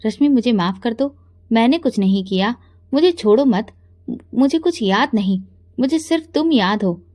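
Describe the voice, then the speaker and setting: A woman voicing a mentally ill young husband who pleads and talks like a child, in a calm storybook reading. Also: a little high, moderate pace, no echo, studio quality, close to an everyday voice. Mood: childlike pleading.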